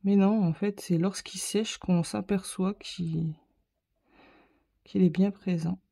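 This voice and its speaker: A woman's voice: mid-range voice, fairly even intonation, slow pace, vocal fry, dark tone, breathy edge. A woman hosting a casual craft video, chatting straight to her viewers and poking fun at herself as she works. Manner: chatty, talks straight to viewers while working; self-mocking, light laughs. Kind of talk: casual demo chat.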